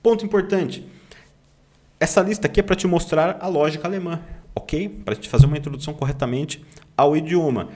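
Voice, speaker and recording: A Brazilian man teaching German online, who draws out German words slowly to model the pronunciation and keeps asking "tá?" to check that students follow. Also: a little high, darkish tone. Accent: Brazilian Portuguese. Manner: slow, drawn-out demonstration of German words, frequent "tá?" check-ins. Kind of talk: online language lesson.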